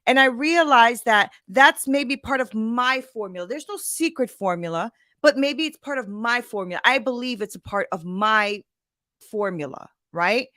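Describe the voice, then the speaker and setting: A woman in her forties, a podcast host and coach, delivers a conversational motivational monologue that's blunt and emphatic, full of slangy phrasing and frequent rhetorical check-ins. Her voice is a little high with a sharp tone at normal speed, recorded in clean studio sound with no echo.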